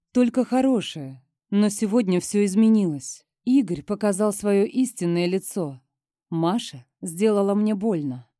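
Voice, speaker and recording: A woman narrates a first-person novel in a mellow, warm voice, measured and expressive. The recording is dry and close, with no room sound. It has the steady pacing of an audiobook reader. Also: medium pitch, dry recording.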